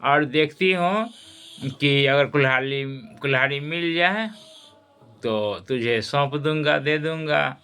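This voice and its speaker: A man voicing a kindly river goddess disguised as an old woman, speaking gently and patiently like a mother in a folk tale. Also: on the high side, slow pace, clear, resonant tone, full character voice.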